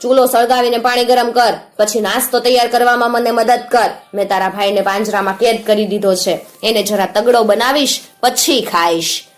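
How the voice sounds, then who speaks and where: A woman voicing a shrill, bossy old witch. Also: steady tone, moderate pace, few pauses, natural voice. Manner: shrill, scolding, barking orders. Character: cruel half-blind old witch woman, bossy and greedy.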